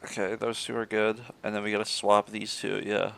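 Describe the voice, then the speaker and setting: A man's voice: on the low side, flat delivery, normal speed, vocal fry, fairly bright tone, clean tone. A young man teasing his friends and laughing while they play a horror game. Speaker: gamer. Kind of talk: casual gaming banter.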